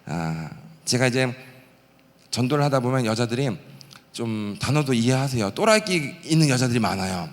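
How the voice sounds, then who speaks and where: A man in his late thirties from the Gyeongsang region preaching a testimony sermon, telling his story with animated energy and acting out the prayers and shouts he quotes. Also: medium pitch, normal speed, big-room sound. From Gyeongsang region, South Korea. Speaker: pastor and missionary. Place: church sanctuary.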